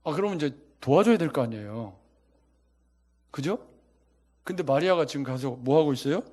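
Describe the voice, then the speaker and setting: A male pastor preaching a sermon, animated and asking the congregation questions. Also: a little high, normal speed.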